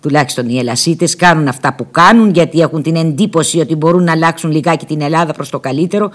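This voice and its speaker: A woman narrating a first-person novel aloud in an expressive, dramatic storytelling manner. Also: low voice. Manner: expressive, dramatic storytelling with lively shifts in loudness. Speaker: audiobook narrator.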